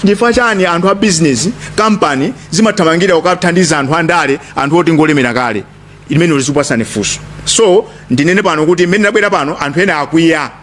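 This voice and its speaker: Fast, emphatic Malawian man. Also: a little high, fairly bright tone, a little hiss or hum. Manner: emphatic, repeating phrases. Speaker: lead speaker at a press briefing. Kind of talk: political speech mixing in English phrases.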